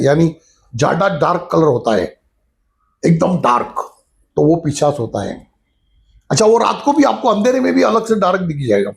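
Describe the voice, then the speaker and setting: A man's voice: a little high, creaky, darkish tone. A middle-aged man giving a casual spiritual talk, telling a ghost story in a conversational way and leaning on the filler "you know" as he explains. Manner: conversational, repeats the filler "jo hai na" often. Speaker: spiritual teacher.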